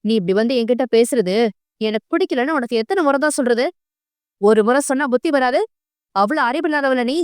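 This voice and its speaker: A woman narrator puts on a young man in a temper, snapping out harsh, fast rebukes in a storybook reading. The voice stays smooth and dry, pitched high. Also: lively intonation, no echo, lightly acted. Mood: angry scornful. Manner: harsh, rapid scolding. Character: young man, angry, scornful cousin.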